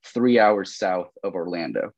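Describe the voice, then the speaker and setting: A young Colombian podcast guest speaks unhurriedly in a low voice during a casual conversational interview. He's relaxed and rambling, with plenty of "like" and "you know" fillers. The recording has no echo.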